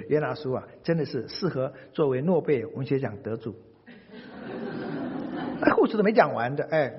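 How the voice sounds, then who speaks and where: A man preaching a sermon in a lively, humorous way, acting out the people he quotes. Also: fairly high pitch, breathy edge. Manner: animated, humorous, acts out quotes. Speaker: pastor. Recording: dull recording, long hall reverb.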